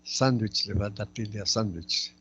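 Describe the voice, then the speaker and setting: Slow, methodical male teacher. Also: fairly low pitch, bright, forceful tone, slight background noise. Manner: slow, methodical, repeating words aloud. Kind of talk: spelling lesson, explaining accent marks.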